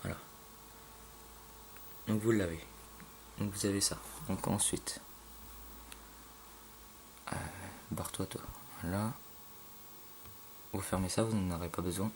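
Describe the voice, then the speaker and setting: A man casually talking through a game tutorial, halting with fillers and loose slang, filmed on a phone at a home computer. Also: sits low, steady tone. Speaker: gaming tutorial maker. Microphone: phone filming a screen. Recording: phone recording with faint room noise.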